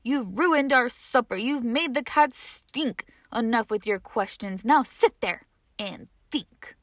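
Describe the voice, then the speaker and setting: Storybook figure: a woman doing exasperated mom and dad, stern and loud, dry close sound. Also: fairly high pitch, animated, takes it slowly, no echo, heavily acted. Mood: scolding.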